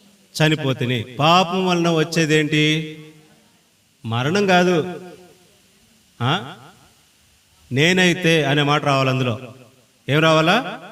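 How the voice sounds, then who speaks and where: A higher-voiced male preacher leads a church sermon, pausing to prompt the congregation to answer aloud. He speaks slowly and deliberately. The voice sits a bit far from the microphone. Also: fairly bright tone. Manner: sings a hymn slowly before preaching. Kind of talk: sermon with call-and-response. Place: church meeting hall. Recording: voice from far off the mic.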